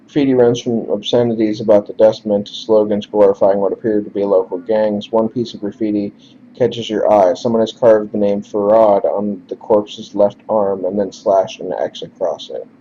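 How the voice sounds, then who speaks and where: A man's voice: fairly low pitch, fairly even intonation, normal speed, mellow. A man narrating a game he plays, reading its text with sarcastic, offhand asides, in a dull lo-fi recording with faint hiss. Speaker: let's play narrator. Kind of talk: casual game commentary and reading.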